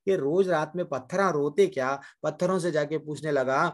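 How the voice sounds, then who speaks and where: A man with a somewhat raised pitch delivers a devotional sermon to a class. He speaks to his listeners directly as mothers and brothers and asks them rhetorical questions. He mixes English words into his Hindi as he goes. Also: normal speed.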